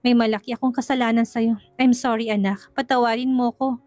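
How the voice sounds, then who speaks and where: A woman's voice: on the high side, steady tone, brisk, a little mellow, no room sound, lightly acted. Woman voicing a remorseful dying father. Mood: tender sorrow.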